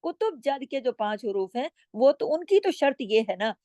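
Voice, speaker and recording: Lady teacher going over recitation rules, kinda high voice, stretches words out slow, dry close sound. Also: big pitch swings, warm tone, no room sound. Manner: patient, explanatory, checks in with "okay?"; draws out words slowly when demonstrating. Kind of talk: recitation lesson with slow demonstrations.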